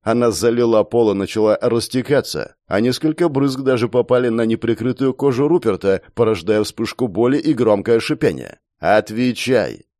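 A man reading a dark fantasy story aloud in a measured, even storytelling voice. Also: mid-range voice, no echo. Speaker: audiobook narrator. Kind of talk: scripted narration. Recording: dry close mic, faint music.

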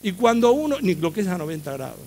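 High-voiced Argentine man giving a talk. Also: fast, a little hiss or hum. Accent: Argentine Spanish. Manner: animated storytelling, asks the audience questions. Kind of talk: public talk to a live audience.

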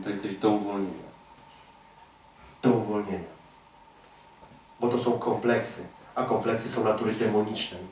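Male preacher, fervent emphatic sermon, recorded from afar in a reverberant hall, faint room noise. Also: on the low side. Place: large echoey prayer hall. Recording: echoey hall recording from far off.

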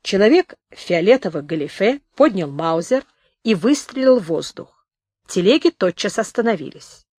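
A woman reading a memoir aloud as an audiobook narrator, expressive and measured. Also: mid-range voice, no room sound, clean studio sound.

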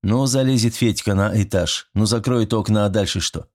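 A man's voice: fairly low pitch, normal speed, darkish tone, lightly acted. A man reading an audiobook, voicing a confident teenage schoolboy who explains things in a patronizing tone. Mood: smug. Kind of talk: audiobook character voice.

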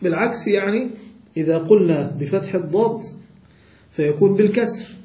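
A sheikh with an Egyptian Arabic accent teaches an Islamic jurisprudence lesson, stretching out words and quizzing his students. His high-sitting voice is mellow and a little fast, in a reverberant space.

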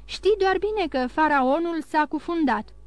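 A woman's voice: high voice, lively intonation, no echo, pitched above the performer's own voice. A woman voicing a distraught older merchant father who questions in bewildered disbelief. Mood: disbelieving.

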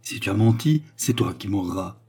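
A man reading the part of a nobleman torn between rage and icy calm, in an intense, declamatory way. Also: lowish voice, moderate pace, husky. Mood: raging vow. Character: enraged cold-blooded male nobleman.

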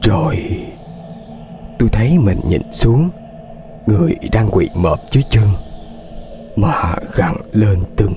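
A man's voice: on the low side, sing-song, slow pace, pauses often, noisy background. A man narrating a ghost story in a tense, dramatic way, with hesitations.

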